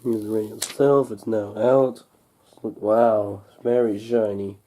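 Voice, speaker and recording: Slightly congested as he gets over a cold, a young man hosts an unboxing in a warm, steady voice on the low side. He speaks casually and haltingly, muttering to himself while working the packaging, recorded indoors at a table by a camcorder microphone just above it.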